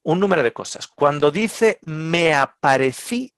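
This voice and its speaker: Male preacher, lively higher voice, dry close mic. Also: no echo. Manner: emphatic, slows down to stress words and drops to a near whisper. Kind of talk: sermon.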